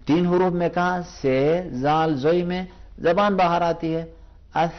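A man's voice sitting a little high, teaching Quran recitation in a broadcast lesson. He explains patiently and drags out each sound in slow repetitions to demonstrate it. The audio has a dull, muffled, lo-fi television quality. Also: steady tone. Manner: patient, demonstrates sounds by repeating them slowly.

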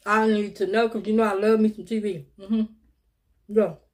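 A woman's voice: mid-range voice, fairly even intonation, unhurried. A woman, chatting casually to viewers while eating in a mukbang vlog, calling them y'all and little sis. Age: 50s. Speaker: mukbang vlogger.

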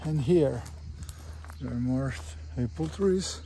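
A man with a Portuguese accent, medium-pitched, creaky and dark in tone, leads a casual tour of a rural farm property as an estate agent. He speaks halting, simple English in short phrases. The audio comes from a phone or camera he holds outdoors, with faint noise behind him.

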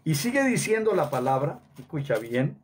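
A man's voice: on the high side, big pitch swings, moderate pace, a little hiss or hum. A middle-aged man preaching a sermon emphatically, repeating phrases for stress and dropping Hebrew words into his talk.

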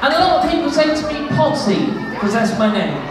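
A man's voice: extremely high pitch, very animated, quick pace. A middle-aged man doing kids' party magician patter on stage, theatrical and cheeky, teasing the audience. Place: large indoor show room with stage. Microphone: handheld stage microphone through PA, filmed from the audience. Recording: echoey hall, distant phone recording, crowd noise. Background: audience of children and adults.

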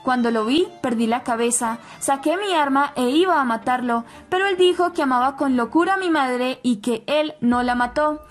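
An angry, tormented young man pressing for the truth, as a woman reading a recap gives his lines. The voice stays fairly high and agitated. Quiet music sits underneath. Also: normal speed, few pauses, natural voice. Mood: demanding. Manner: demanding, agitated.

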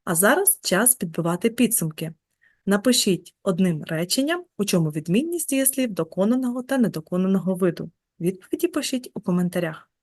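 A woman teaching a grammar lesson to pupils in a clear, measured way, speaking to them directly. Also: medium pitch, lively intonation, no echo, clean studio sound. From Ukraine. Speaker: Ukrainian language teacher.

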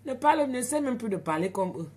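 A woman's voice: a little high, quick pace. Chatty African French woman on a live stream. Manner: chatty, animated, talks straight to viewers. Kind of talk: casual storytelling live stream. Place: home at night.

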